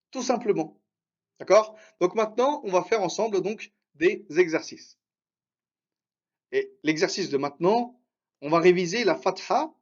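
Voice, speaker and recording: Man, Arabic teacher, high voice, unhurried, encouraging, dull lo-fi sound. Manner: encouraging, repeats and drills syllables slowly. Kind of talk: live online reading lesson.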